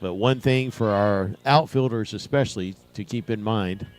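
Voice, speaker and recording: A man's voice: fairly low pitch, moderate pace. A man giving conversational live commentary on a baseball broadcast. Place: at a baseball ballpark.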